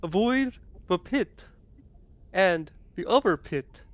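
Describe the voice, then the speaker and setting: Guy doing a walrus voice for a tabletop game, slow n halting, pitched up a bit, dull lo-fi audio. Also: lively intonation. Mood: ominous warning. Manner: put-on walrus voice, slow halting short phrases.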